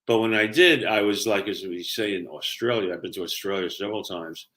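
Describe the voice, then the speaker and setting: A man's voice: on the low side, brisk, a bit bright. An older man with a Brooklyn, New York accent, explaining and telling personal stories conversationally as a career coach, emphatic and often checking in with the listener.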